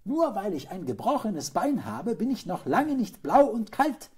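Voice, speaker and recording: Man voicing a hurt little hedgehog, squeaky, high-pitched and indignant, storybook reading. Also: unhurried, husky, heavily acted. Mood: defiant. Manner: excited, indignant inner voice. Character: small injured young hedgehog, frightened but defiant.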